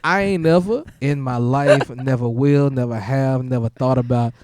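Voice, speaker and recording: Animated, restarting man host. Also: medium pitch, moderate pace, noisy background. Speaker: podcast host. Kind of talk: casual chat.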